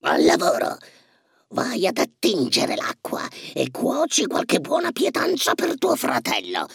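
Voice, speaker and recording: A man voicing a wicked, greedy old witch in a fairy tale reading, with a creaky, sneering voice. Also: huge pitch swings, fairly bright tone, dry recording, clean studio sound, full character voice. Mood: commanding. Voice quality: gravelly, creaky. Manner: slow, sneering, shrill swoops. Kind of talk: storybook reading.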